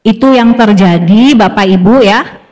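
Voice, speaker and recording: A middle-aged woman psychologist giving a lively parenting seminar in a school hall, acting out the lines of parents and children as she goes. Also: medium pitch, unhurried. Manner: animated, acts out parent and child lines, laughs with audience. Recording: long hall reverb.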